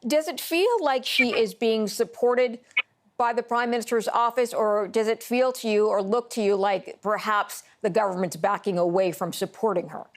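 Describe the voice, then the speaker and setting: A woman anchoring a news program, reading scripted lines clearly and interviewing a guest. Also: fairly high pitch, moderate pace.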